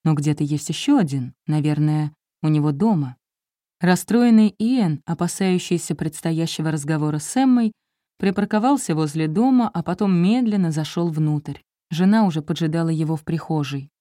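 A woman narrating an audiobook in a steady, expressive reading voice. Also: low voice, normal speed, dry recording, studio quality. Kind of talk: scripted narration.

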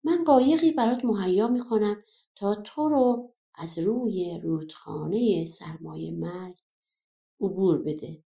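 A woman's voice: medium pitch, vocal fry, warm tone, reverberant, natural voice. A woman voicing a stern, commanding male king of a magical land in an audiobook folk tale. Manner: harsh, commanding.

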